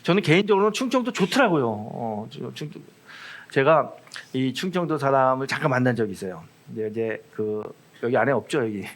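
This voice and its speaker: A man's voice: mid-range voice, expressive, brisk. A middle-aged man, a senior pastor, giving a conversational Sunday sermon, telling stories with humour and speaking directly to the congregation. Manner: chatty, humorous storytelling with asides to the congregation.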